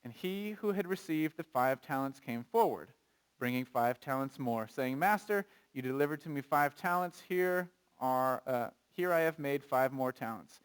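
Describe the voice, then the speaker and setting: With a clear, resonant, mid-range male voice at normal speed, a pastor gives a conversational and animated sermon. Scripture readings and questions to the congregation run through it.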